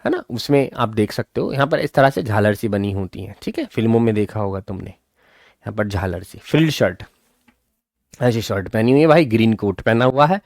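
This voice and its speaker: A man's voice: lowish voice, expressive, moderate pace, gravelly, darkish tone, no echo, studio quality. A man teaching a lesson casually, reading English lines aloud and explaining them in a chatty way. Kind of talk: casual classroom-style lesson.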